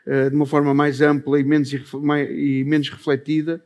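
A man with a Portuguese accent speaks from a stage in a slightly high voice. He talks thoughtfully and pauses often between phrases. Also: flat delivery, a little mellow. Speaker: improv teacher giving a talk. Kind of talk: stage talk. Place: on a stage before an audience.

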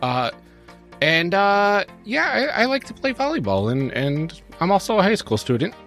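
A woman's voice: medium pitch, very animated, normal speed, soft background music, pitched below the performer's own voice, natural voice. A woman voicing a shy, nervous teenage magical-girl agent who stammers and trails off. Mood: timid.

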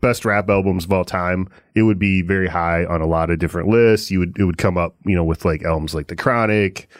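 A man's voice: deep voice, fairly quick, no echo, clean studio sound. A man co-hosting a podcast, rambling casually about music and often restarting his sentences. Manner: rambling, hesitant, with frequent restarts and laughs. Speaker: podcast co-host.

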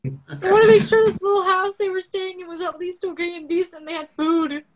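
A woman's voice: very high-pitched, level tone, fairly quick, a little hiss or hum. A woman chatting and bantering casually as a player in a tabletop game.

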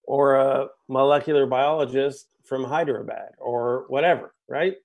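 In a laid-back interview, an American man appearing as a guest musician muses at length, his reflections long and winding. His medium-pitched voice is gravelly, his pace moderate, and he sprinkles in "right?" and "you know" to check in with the host, though the audio is dull.

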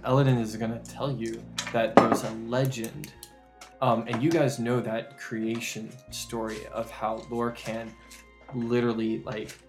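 A man narrating a tabletop game as game master, rambling with many fillers. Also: lowish voice.

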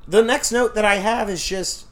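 A man's voice: high voice, moderate pace. Casual swearing man on a podcast. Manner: loose and profane, swears casually. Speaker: podcast co-host. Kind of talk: casual chat.

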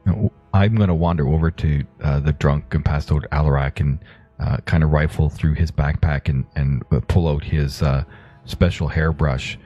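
Very deep husky-voiced man. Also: fairly even intonation, normal speed, dark tone, dull audio, soft background music. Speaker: player. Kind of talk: tabletop game play.

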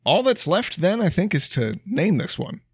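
A young man co-hosting a podcast, brainstorming ideas in an animated way and laughing often. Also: high-pitched, moderate pace, a little hiss or hum. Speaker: podcast co-host. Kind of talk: casual brainstorming chat.

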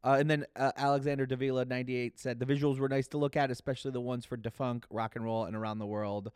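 A man's voice: mid-range voice, flat delivery, quick pace, darkish tone, smooth, no echo, clean studio sound. A man, co-hosting a music podcast in casual, rambling chat and laughing often. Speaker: podcast co-host.

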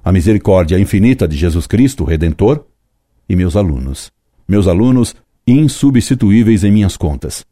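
Brief: older man in his 70s, very low dark voice, dry close sound, solemn reflective reading. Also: animated, no room sound. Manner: slow, solemn, measured delivery with long pauses. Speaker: history teacher. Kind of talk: reflective scripted narration.

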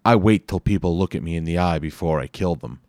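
A man voicing a huge, hulking, masked male villain with a raspy New York accent and loud, swaggering talk. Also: low-pitched, brisk, dry recording, clean studio sound, natural voice. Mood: cocky.

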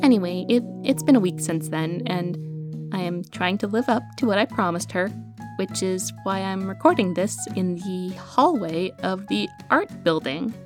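A woman's voice: lowish voice, brisk, over music, natural voice. An actress playing an awkward, earnest young woman with magic, rambling and hesitant as she records herself in an audio drama. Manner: rambling, hesitant, stammering when flustered.

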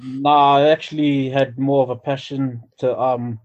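Flat-toned Kiwi man, slightly muffled. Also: mid-range voice, unhurried. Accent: New Zealand. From New Zealand. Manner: laid-back, informal. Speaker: podcast guest, builder. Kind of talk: casual chat. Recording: slightly dull, lo-fi sound.

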